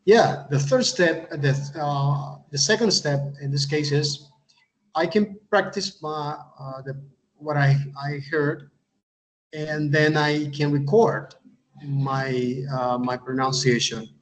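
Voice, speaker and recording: A man who teaches English, giving a step-by-step tutorial in a halting way, often repeating words and adding uh. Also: fairly high pitch, steady tone, poor audio. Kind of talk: instructional tutorial.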